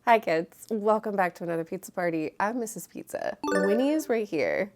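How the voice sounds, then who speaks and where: A woman's voice: medium pitch, expressive, moderate pace, soft background music. A woman with a cold, sounding congested, chatting casually as a book vlogger who gushes, jokes and wanders off topic. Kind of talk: casual book review chat.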